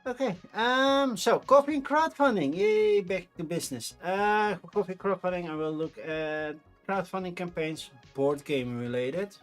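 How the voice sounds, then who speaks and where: This livestream host, a native Dutch speaker with a Dutch accent, reviews board game crowdfunding in an informal, rambling way, thinking aloud as he goes. His voice is high and measured, with few pauses, and soft music plays behind.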